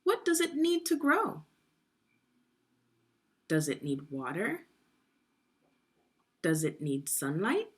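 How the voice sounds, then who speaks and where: A woman narrates a children's read-along slowly, with long pauses and pitch that swoops wildly around her mid-range voice. Clearly spoken and instructive, she addresses young learners directly and asks them questions.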